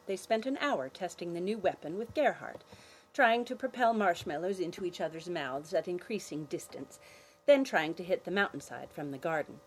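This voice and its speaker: A woman hosting a family podcast, narrating a children's adventure story with expressive storytelling. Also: lowish voice, slightly rough, poor audio.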